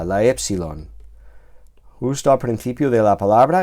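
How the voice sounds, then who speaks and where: Slow, low-toned lecturer. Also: male voice, warm tone. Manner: slow, hesitant explaining with many fillers and restarts; checks in often with the listener. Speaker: Greek teacher. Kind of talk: recorded classroom lecture.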